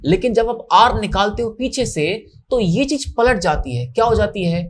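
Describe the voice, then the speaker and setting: A man's voice: sits high, animated, moderate pace. Man teaching maths. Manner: explains step by step, asks and answers his own questions. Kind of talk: classroom lecture.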